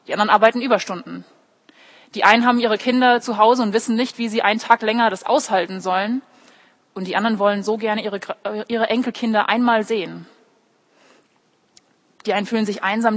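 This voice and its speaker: A woman preaching an online sermon, often asking questions and speaking directly to her listeners. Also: mid-range voice. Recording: long hall reverb.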